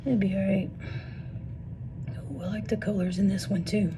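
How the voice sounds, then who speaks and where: A rock tumbling vlogger with a Missouri accent sorts stones while musing half to herself in casual, off-the-cuff commentary, often slipping into a whisper as she loses her voice. Her mid-range voice is flat and moderately paced, set against noisy room ambience.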